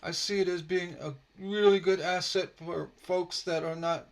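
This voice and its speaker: On a casual live stream picked up by his computer mic, a man teaches stained glass in a high voice at a normal pace. A sore throat leaves him slightly hoarse, and he rambles in a relaxed way, dropping plenty of fillers.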